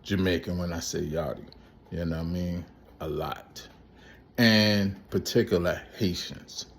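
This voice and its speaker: Gravelly rambling New York man. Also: deep voice, steady tone, measured pace, slight background noise. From Brooklyn, New York. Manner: loose, rambling, heavy with "you know what I'm saying". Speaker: vlogger. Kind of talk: casual street-talk monologue.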